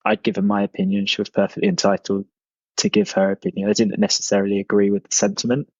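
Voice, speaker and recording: A man recalling events in an interview, halting and hesitant with many restarts. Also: lowish voice, no echo, lo-fi sound. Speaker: interviewee, former fan columnist. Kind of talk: recorded interview recollection.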